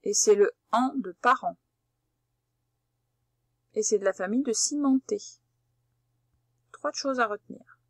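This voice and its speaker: A woman teacher giving a patient, slow spelling dictation lesson, spelling out letters one by one. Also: fairly high pitch, dry recording, studio quality.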